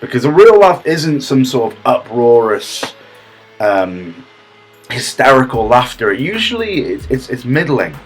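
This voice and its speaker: A man giving a deadpan parody comedy tutorial, smug and rambling, with halting restarts and a husky voice. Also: medium pitch, faint music behind.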